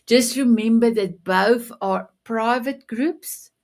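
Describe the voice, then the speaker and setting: Hosting a motivational live stream, a native Afrikaans speaker stays upbeat and encouraging, calling her viewers endearing names. She speaks slowly in a slightly high, creaky voice with a darkish tone.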